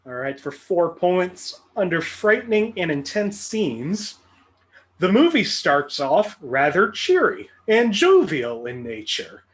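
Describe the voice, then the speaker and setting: Game show host, male, unhurried clue reader with a lively, high voice. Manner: dry, mock-serious joking. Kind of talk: reading trivia clues.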